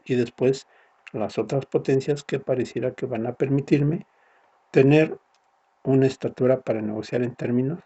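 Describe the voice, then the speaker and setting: Gravelly-voiced man lecturing. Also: mid-range voice, dark tone, muffled recording. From Mexico. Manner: explanatory, frequent tag questions. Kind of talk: recorded university lecture.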